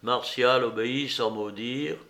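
A man narrating a novel as an audiobook, reading in a measured way that slows and drops at the ends of phrases. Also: medium pitch, steady tone, a bit bright.

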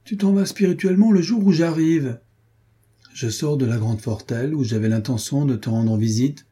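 A man voicing a boisterous, swaggering young cavalier who talks loud and teasing, out of breath. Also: medium pitch, moderate pace, breathy edge, close to an everyday voice.

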